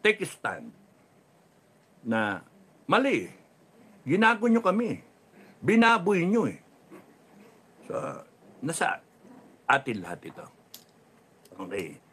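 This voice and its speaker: A middle-aged man with a Filipino accent hosts a casual livestream in a fairly high voice. His pitch swings widely as he jokes, and he talks at an unhurried pace. He laughs often and sinks into a low mutter after punchlines. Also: wildly swooping pitch, a bit bright, slightly rough. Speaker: livestream host reading viewer comments. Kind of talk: casual livestream talk, mixing Tagalog and English.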